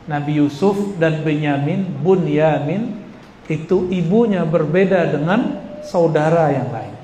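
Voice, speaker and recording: A man preaching to a live audience in a somewhat high voice, chatty and teasing, often putting questions to the crowd. His voice rings through a big echoey hall with a long reverb tail. A faint murmur of room sound stays underneath. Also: measured pace, mellow, a little hiss or hum. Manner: conversational, questions and jokes with the audience. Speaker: Islamic preacher. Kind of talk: religious lecture to a live audience.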